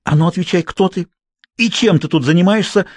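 A man doing a fierce, shrill young girl. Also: drawn-out words, dry recording, studio quality, heavily acted. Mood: indignant.

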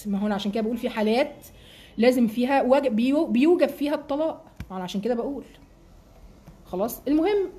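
A woman in her forties with an Egyptian accent, giving chatty, animated religious and family advice on a live stream. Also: mid-range voice. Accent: Egyptian Arabic. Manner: chatty, animated, addresses listeners as sisters. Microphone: live-stream mic.

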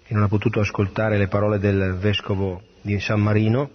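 Husky priest on lo-fi radio. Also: male voice, lowish voice, flat delivery, brisk. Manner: plain, earnest, with small restarts. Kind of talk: gospel reading and radio homily. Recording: dull lo-fi radio broadcast.

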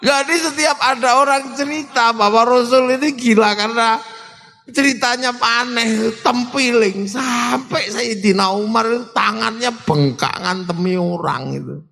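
Gravelly, high-voiced preacher in a hall. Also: male voice, measured pace, slight background noise. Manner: dramatic, shifts between shouts and low asides. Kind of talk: humorous sermon storytelling. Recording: long hall reverb.

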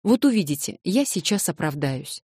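A woman reading an audiobook and voicing an eager, flustered young man who excitedly protests his innocence. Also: fairly low pitch, normal speed, breathy edge, no echo, clean studio sound. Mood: excited pleading.

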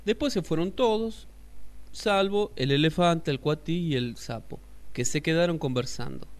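A man narrating a children's story in a lively, expressive way. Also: fairly high pitch, moderate pace.

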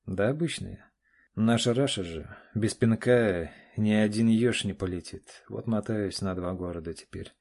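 A man voicing a tired, tipsy middle-aged man with a gruff, confessional way of talking. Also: on the low side, measured pace, darkish tone. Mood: gruff, weary. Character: weary drunk man, middle-aged, lovesick.

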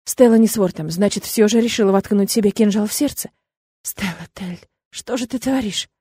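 A woman's voice: mid-range voice, a little fast, dark tone, breathy edge, no echo, close to an everyday voice. A woman reading the lines of a tense, impulsive young male necromancer who talks urgently and often through clenched restraint. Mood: worried.

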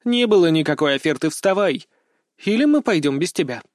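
A man's voice: on the high side, expressive, a little fast, dry recording, studio quality, close to an everyday voice. A man voicing a stern, curt woman ship captain in an audiobook. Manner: curt, sharp, strict. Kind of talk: audiobook character voice.

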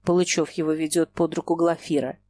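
A woman's voice: sits low, level tone, a little fast, dark tone, dry recording. A woman reading a play aloud, giving the stage directions plainly. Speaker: reader.

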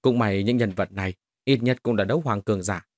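A man's voice: on the low side, fairly quick, no room sound, studio quality. A man reading a fantasy novel aloud as scripted audiobook narration.

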